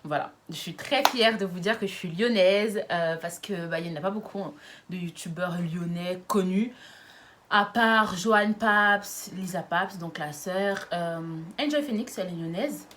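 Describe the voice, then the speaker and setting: Speaking in a lowish, slightly slow voice with some brightness, this twenty-something woman from around Lyon, France, films a casual vlog as a YouTuber. She fills her chatter with fillers and giggles, and there's a faint hiss or hum.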